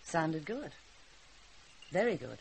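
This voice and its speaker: An actress playing a brisk, practical middle-aged mother in a radio drama, coaxing and a little harried. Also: low voice, big pitch swings, vocal fry, heavily acted. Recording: very noisy radio drama recording.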